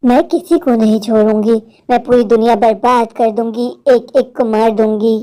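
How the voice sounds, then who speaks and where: A woman voicing a vengeful female witch spirit in a horror cartoon, who makes slow, drawn-out threats and sings eerily. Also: fairly high pitch, steady tone, warm tone, natural voice. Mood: menacing.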